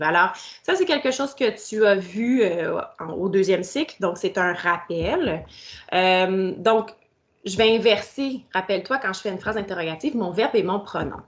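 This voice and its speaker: Patient teacher woman. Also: mid-range voice. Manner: patient, explaining step by step, speaking directly to the pupil. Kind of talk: recorded grammar lesson for children.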